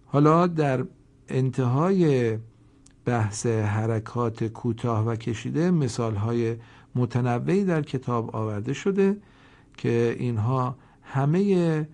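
A man teaching Quran reading in a recorded lesson. He explains briskly, then chants the example words slowly and drawn out, and asks listeners to repeat after him. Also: medium pitch, animated, a little mellow.

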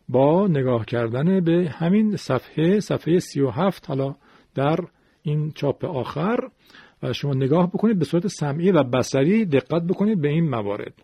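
A man's voice: on the high side, expressive, husky, no echo. A man teaching Quran recitation in a patient lecture, explaining rules and demonstrating pronunciation aloud, on a dull lo-fi recording. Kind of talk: classroom-style lecture.

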